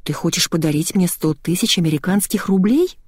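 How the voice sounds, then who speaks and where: A woman reading an audiobook voices a frightened, tearful young woman who squeals and pleads anxiously, in a husky voice. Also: on the low side, fairly quick, darkish tone, dry recording, studio quality. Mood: alarmed.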